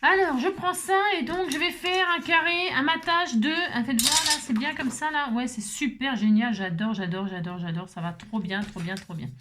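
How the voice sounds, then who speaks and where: This time the crafter sounds high-pitched, animated, and sharp, at a moderate pace with few pauses, and there's a little hiss or hum. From her home table, camera on the table, she rambles casually and keeps addressing viewers directly.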